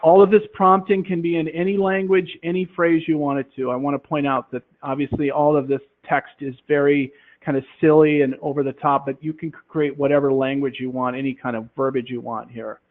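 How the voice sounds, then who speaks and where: A man demonstrating a classroom quiz game, explaining in a relaxed way with many fillers into a headset. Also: on the high side, fairly quick, few pauses. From Minnesota, USA. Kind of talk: software demonstration talk. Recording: tinny phone-like line.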